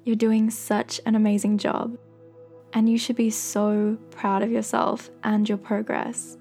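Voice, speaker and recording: A woman with a soft, breathy voice gently and slowly guiding a meditation in soothing, encouraging scripted narration. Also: fairly high pitch, little pitch movement, soft background music. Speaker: guided meditation host.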